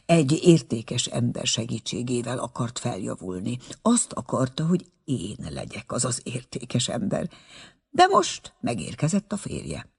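Male reader as bashful young doctor, earnest, husky tone. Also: medium pitch, wildly swooping pitch, heavily acted.

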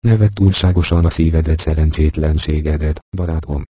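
A man's voice: rumbling low, fairly even intonation, warm tone, no room sound. A man voicing a grave, earnest boy king. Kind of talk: audiobook reading.

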